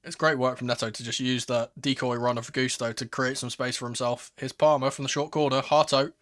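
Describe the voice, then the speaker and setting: A man hosting a live football watchalong, calling the play in a casual, excitable fan's manner. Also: medium pitch, a little fast. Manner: excitable, swearing, shifting from murmured play-by-play to raised exclamations. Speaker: host of a football watchalong stream. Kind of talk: live football commentary with casual fan reactions.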